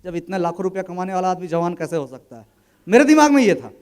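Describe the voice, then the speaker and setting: Very high-pitched man telling stories on stage. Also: very animated, quick pace, darkish tone, clean tone. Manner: colloquial, acts out dialogue in his anecdotes. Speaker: speaker at a business event. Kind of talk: motivational stage storytelling.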